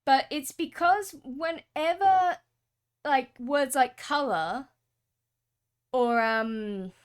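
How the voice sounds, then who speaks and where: A woman's voice: high-pitched, takes it slowly. A young Australian woman with an Australian accent, chatting casually and rambling on with lots of fillers while she draws on stream. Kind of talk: casual chat while drawing.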